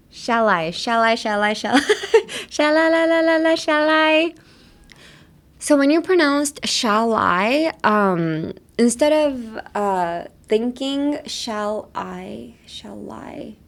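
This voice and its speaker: A woman hosts a relaxed language-lesson podcast, switching between easy chatter and careful, slowed-down repetition of single words. Her voice sits at an ordinary middle pitch, and her manner stays light and playful as she coaches listeners through each sound. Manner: drills words slowly and repeatedly, chatty and playful. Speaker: podcast host teaching English. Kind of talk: casual bilingual language lesson.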